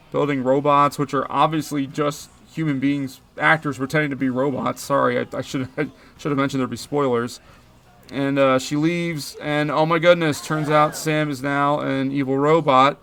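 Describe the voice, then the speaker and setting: This man in his thirties, from around Philadelphia, delivers a jokey, pun-heavy movie recap as a commentary host. His medium-pitched voice sounds gravelly and a bit bright.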